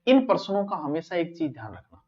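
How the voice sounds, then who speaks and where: A male teacher with a Rajasthani accent giving an exam-prep grammar lesson, talking straight to his students and swinging between loud and soft. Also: fairly high pitch, very animated, a little fast. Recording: dull lo-fi online class audio.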